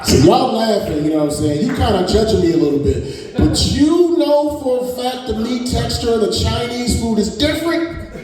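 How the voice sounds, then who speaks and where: Extremely high-pitched and expressive, this forty-something comedian moves at a moderate pace through a brash, crude set that plays off the crowd. Recorded on a comedy stage from a distant mic, the echoey hall is filled with loud audience laughter.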